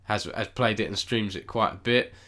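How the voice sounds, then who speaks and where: An esports news host with a cold sounds nasal as he runs through a casual live-stream news roundup, rambling, correcting himself and chatting with viewers. His voice is on the low side and sharp in tone, with fairly even intonation at a moderate pace.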